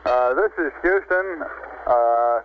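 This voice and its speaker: A man's voice: mid-range voice, animated, takes it slowly. A man at mission control making terse, repeated radio calls that end in "over", heard through a two-way radio transmission. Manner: terse, repeats call signs, ends with "over". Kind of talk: radio call procedure. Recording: tinny 1960s radio link with faint hiss.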